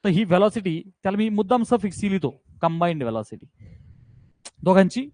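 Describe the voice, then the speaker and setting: Male physics teacher, high voice, energetic and coaxing with his class, dry sound. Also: fairly quick, no room sound. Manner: energetic, coaxing, keeps checking students understand. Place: classroom with students.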